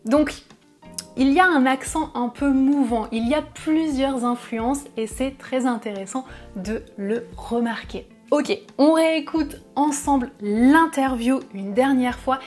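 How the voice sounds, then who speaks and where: French woman teacher, fairly high voice, slow and careful explanations over light music. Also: a little mellow. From France. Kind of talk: pronunciation lesson.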